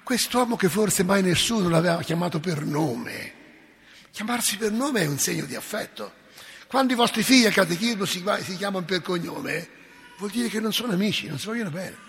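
A man's voice: high voice, animated, brisk, a bit bright, big-room sound. A male preacher telling a gospel story to his congregation, acting out the voices and asking them questions. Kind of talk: sermon. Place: church.

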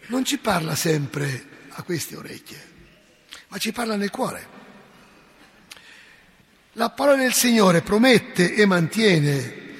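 A man's voice: sits high, slight background noise. A man, a parish priest giving an impassioned, scolding sermon with folksy asides. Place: church. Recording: long church reverb.

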